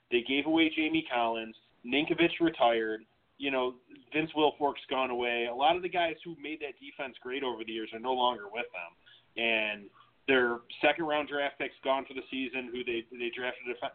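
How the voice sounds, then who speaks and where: A man co-hosting a casual sports chat, steady, laid-back and analytical. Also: mid-range voice. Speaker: podcast co-host. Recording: tinny phone-like line.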